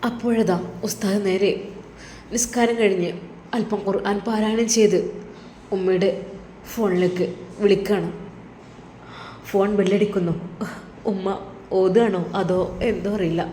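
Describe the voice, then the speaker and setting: A woman narrating a moving story with earnest emotion, her voice warm and mellow. The recording sounds roomy, with a faint hum in the background. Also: medium pitch, fairly even intonation, measured pace, pauses often.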